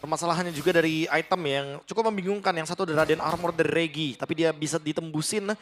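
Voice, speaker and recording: A man's voice: fairly high pitch, fairly even intonation, fast, a bit bright, slight background noise. A man with an Indonesian accent giving analytical live commentary on an esports match. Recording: music behind the voice. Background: music.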